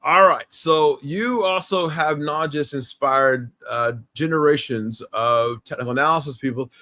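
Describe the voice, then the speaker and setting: Eager host stumbling through questions. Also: male voice, on the high side, unhurried, bright, forceful tone. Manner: enthusiastic, many fillers and restarts. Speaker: livestream host. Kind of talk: casual interview.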